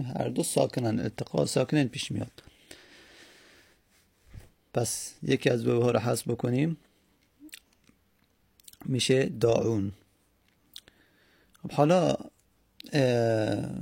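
A male teacher with a heavily gravelly, creaky, slightly husky voice of medium pitch and a dark, mellow tone explains an Arabic grammar lesson. He is patient, repeating words slowly and drawing them out. The sound is dry and close, with no room sound.

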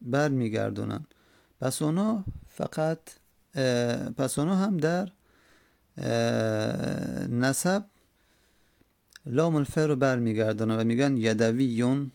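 A man explaining an Arabic grammar text in a slow, repetitive way, with many hesitations. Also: mid-range voice, animated, creaky, darkish tone, no room sound, clean studio sound.

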